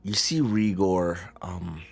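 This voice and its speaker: A man improvising narration as the game master of a tabletop game, describing scenes in a halting way. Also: sits low, gravelly, darkish tone, breathy edge, faint music behind.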